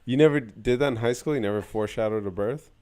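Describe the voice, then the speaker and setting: A man's voice: medium pitch, fast talker, darkish tone. A man co-hosting a casual podcast chat, blunt and crude with lots of swearing. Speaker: podcast co-host.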